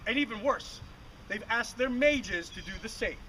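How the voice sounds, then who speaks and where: A man's voice: high-pitched, animated, normal speed, bright, forceful tone, poor audio. A man playing a bitter, dutiful warden in formal, old-fashioned fantasy speech on a live renaissance faire stage, earnest and declamatory. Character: bitter, dutiful warden companion to a lady mage. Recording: outdoor live recording with faint ambient noise.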